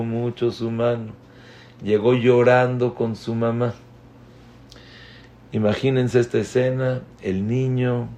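A man giving a religious talk on parenting, speaking deliberately and putting questions to his listeners. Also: medium pitch, gravelly, dark tone, highs cut off. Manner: slow, deliberate, addresses the audience with questions. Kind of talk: religious community lecture.

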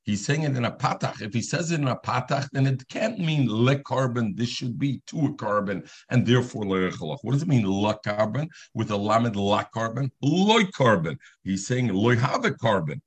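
A man's voice: mid-range voice, lively intonation, moderate pace, few pauses, husky. A man teaching a Talmud lesson in a sing-song learning cadence, weaving Hebrew and Aramaic terms into his English explanation.

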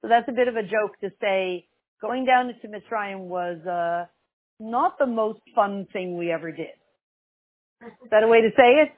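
Husky woman teaching over a tinny line. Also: mid-range voice, moderate pace, no echo. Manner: conversational, wryly joking, repeats phrases for emphasis. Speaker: religious teacher and class host. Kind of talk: informal religious lesson. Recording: tinny, narrow phone-like sound.

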